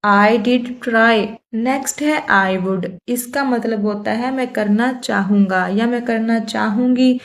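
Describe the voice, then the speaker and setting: Woman teaching english grammar in hindi, slow and patient, bit high voice. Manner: slow, explanatory, says English examples slowly and clearly. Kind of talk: spoken English lesson for Hindi speakers.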